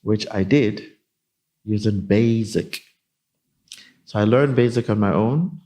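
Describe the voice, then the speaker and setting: A man in his fifties from Nigeria, a company executive answering interview questions in a measured, explanatory way. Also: on the low side, mellow. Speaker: guest, company CIO. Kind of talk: casual interview.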